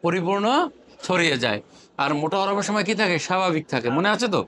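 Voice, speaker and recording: A man teaching Quran pronunciation, asking questions and answering them himself and drilling syllables slowly. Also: high voice, animated, a crowd in the background.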